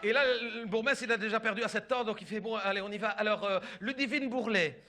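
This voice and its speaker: A man's voice: high voice, fast talker, very noisy. A man performing a stand-up comedy routine, telling a story and acting out the people in it with shifts of voice.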